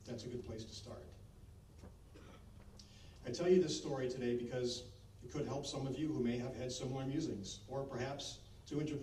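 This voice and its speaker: Mellow man giving an echoey podium speech. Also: mid-range voice. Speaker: school leader addressing graduates. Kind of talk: formal podium speech at a commencement. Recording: echoey, distant microphone, clear background noise.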